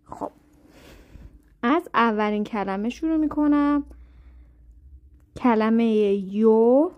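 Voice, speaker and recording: A woman leads a patient, step-by-step spoken lesson, slowing right down to say each new word with care. Her voice sits a little high. The recording is dull and muffled. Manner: slow, careful spelling-out of words. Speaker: language teacher. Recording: muffled lo-fi audio.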